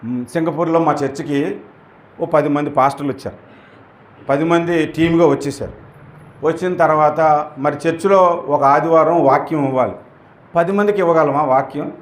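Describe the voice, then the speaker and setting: A man's voice: fairly high pitch, normal speed, long pauses. A male pastor preaching emphatically, acting out prayers and rebukes to show how they should sound. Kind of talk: sermon. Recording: echoey room.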